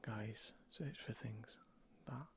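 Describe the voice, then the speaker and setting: An ASMR creator whispering softly and close to the ear while showing and talking about items. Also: medium pitch, slow, slight background noise. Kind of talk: whispered ASMR show-and-tell. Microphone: close stereo ASMR microphones.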